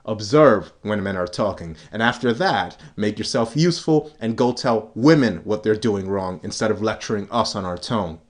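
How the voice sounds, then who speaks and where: A man with a somewhat low voice delivers a scornful, sarcastic rant straight to his viewers. He mocks his targets with dry chuckles and drags out key phrases for emphasis. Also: animated. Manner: mocking, contemptuous, with scornful chuckles; emphatic, slows down for punchlines. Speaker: vlogger. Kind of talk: sarcastic ranting monologue.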